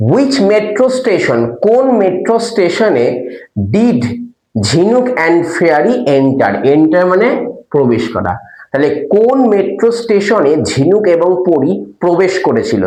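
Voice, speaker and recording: A man's voice: high voice, a little mellow. A male teacher going through a children's English lesson, asking questions and answering them himself and spelling words out. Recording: echoey room.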